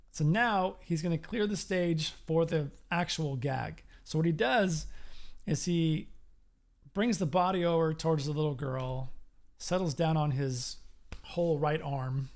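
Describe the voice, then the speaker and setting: A man with a fairly high voice and a rough, gravelly edge runs a live animation lesson. He steps through a scene pose by pose, now and then acting out what the character says. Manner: walks through poses step by step, acting out the character's lines. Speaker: animation instructor. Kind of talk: live class breaking down an animated shot.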